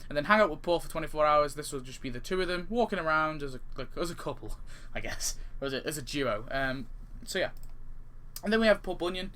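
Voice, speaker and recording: With a slightly high, somewhat bright voice, he speaks quickly and animatedly over slight background noise. The gaming video creator offers rambling, spontaneous commentary on game update ideas, often correcting himself mid-sentence.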